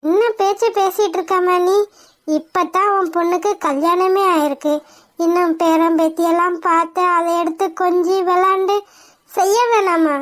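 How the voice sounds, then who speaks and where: A fond but scolding old grandmother in a cartoon, as a woman puts her on. The voice is strikingly high and thin for her age. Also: fairly even intonation, normal speed, a bit bright. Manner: scolding, affectionate. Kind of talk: cartoon voice acting.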